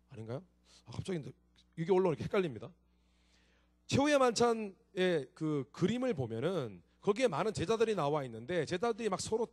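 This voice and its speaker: A man preaching a sermon to young adults in a church, telling the story with lively acted-out quarrels and questions to the congregation. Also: fairly high pitch, no room sound. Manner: asks the congregation questions and admits slips. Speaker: pastor. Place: church sanctuary.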